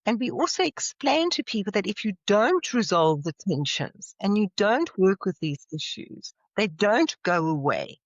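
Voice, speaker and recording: A woman with a South African accent speaks at a mid pitch, explaining her ideas in an earnest, steady way. The sound is dry and a little muffled. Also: normal speed, few pauses, no room sound. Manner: earnest, explanatory, now and then laughing. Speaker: leadership trainer and guest. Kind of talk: interview conversation. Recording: slightly muffled, dry audio.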